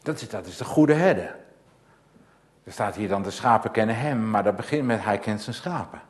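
A man's voice: fairly low pitch, expressive, normal speed. Man preaching with insistent repetition. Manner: rhetorical questions and insistent repetition, swelling to loud emphatic passages. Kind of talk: sermon.

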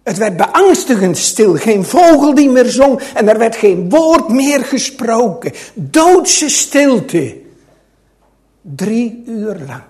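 A man preaching a sermon to his congregation, with a slow, dramatic delivery that swings between loud and hushed. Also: very high-pitched, big pitch swings. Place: church.

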